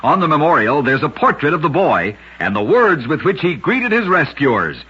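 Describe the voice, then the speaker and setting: This American man hosts and narrates short true oddities, reading a scripted vintage radio piece like a dramatic storyteller. His husky voice sits on the high side and moves at a normal speed in a sing-song way. The audio is dull and lo-fi, like an old radio broadcast.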